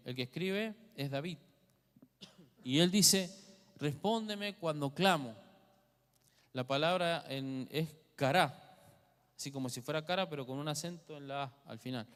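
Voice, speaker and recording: A man's voice: a little high, smooth. A man with an Argentine Spanish accent preaching a teaching sermon in church, asking the congregation questions as he goes. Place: church hall. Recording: long hall reverb.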